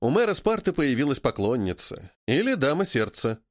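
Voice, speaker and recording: A man's voice: mid-range voice, normal speed, dry recording, clean studio sound. A man narrating an audiobook and voicing its characters. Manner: lively, voicing many characters.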